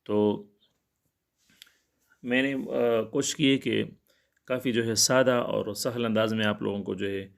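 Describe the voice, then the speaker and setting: A man's voice: lowish voice, fairly even intonation, vocal fry. A man teaching Quran recitation, explaining common mistakes plainly and repeating himself. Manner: plain, explanatory and repetitive, with filler pauses.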